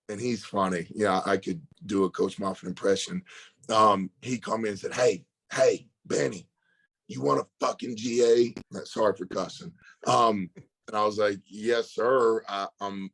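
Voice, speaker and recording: A man, a strength and conditioning coach, telling a story in a relaxed podcast interview and acting out quoted dialogue. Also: on the low side.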